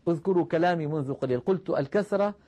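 A man teaching the rules of Quran recitation, explaining patiently, calling his listeners brothers and slowing down to recite example verses. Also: on the high side, dark tone, muffled recording. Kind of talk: tajweed lesson.

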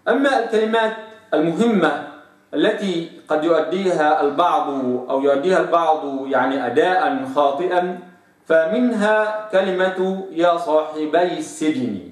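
A man teaching Quranic recitation rules, stretching out example words slowly to demonstrate sounds. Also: fairly high pitch, echoey room, distant mic. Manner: drawn-out slow recitation of examples. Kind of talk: tajweed lesson with slow demonstrations.

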